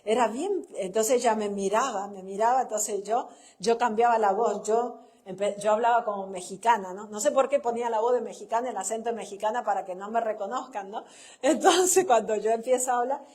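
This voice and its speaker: A pastor's wife from Chile, middle-aged, talks briskly in a slightly high, somewhat mellow voice. Her sermon is conversational and story-driven; she often closes sentences with a questioning "¿no?" and laughs at her own anecdotes while speaking to the church.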